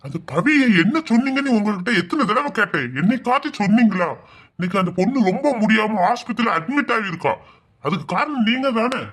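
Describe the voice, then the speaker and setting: A man's voice: sits high, expressive, fairly quick, fairly bright tone, slightly rough, heavily acted. A man playing an angry young adult son who accuses his mother in a family drama skit. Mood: accusing. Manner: accusing, indignant.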